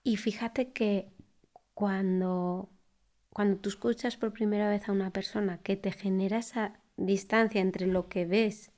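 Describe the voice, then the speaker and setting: A woman who works as a speech therapist talks through her ideas as a podcast guest. Her pitch sits in a middle range. She speaks in a reflective, conversational way, restarting phrases and checking in with tag questions. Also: fairly even intonation, a little slow, a little mellow. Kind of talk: conversational interview. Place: podcast recording.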